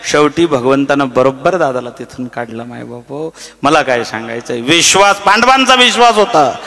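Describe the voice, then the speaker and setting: With a long reverb tail trailing his words, a man preaches a devotional kirtan in speech at a moderate pace and medium pitch. He tells the story animatedly, acting out its characters and suddenly singing verses.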